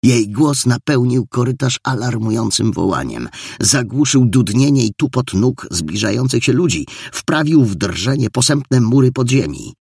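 A man's voice: medium pitch, lively intonation, normal speed, gravelly, a little mellow, breathy edge, no echo, studio quality. A man narrating an audiobook with dramatic storytelling. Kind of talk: scripted narration.

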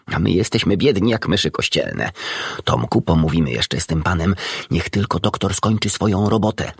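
A man voicing an excited female parrot who talks in a quick whispered aside, in an audiobook reading with a husky voice. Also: low-pitched, no room sound, clean studio sound, heavily acted.

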